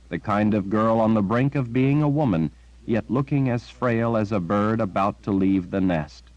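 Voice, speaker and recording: A man reading a fantasy novel as audiobook narrator, in measured scripted narration. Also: fairly low pitch, darkish tone, dull audio.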